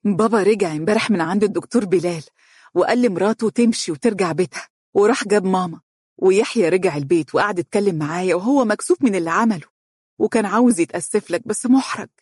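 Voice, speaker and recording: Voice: medium pitch, big pitch swings, fast talker, darkish tone, husky, no room sound, clean studio sound, pitched above the performer's own voice. A narrator voicing a playful, stubborn young woman who speaks with an Egyptian accent, in a teasing tone. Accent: Egyptian Arabic.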